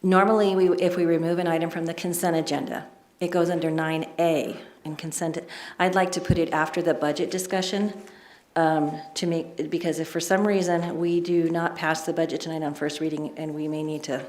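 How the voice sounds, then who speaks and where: Lady running a council meeting, kinda low voice, echoey room, bit of background hiss. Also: flat delivery, darkish tone. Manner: brisk, procedural, friendly asides. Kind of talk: formal meeting procedure. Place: council chamber. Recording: echoey chamber mic.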